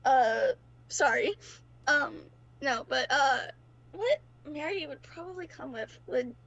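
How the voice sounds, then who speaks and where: High, creaky woman with a sick voice. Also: animated, slow pace, a bit bright, highs cut off. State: sick with a cough. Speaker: tabletop show player. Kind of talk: casual chat.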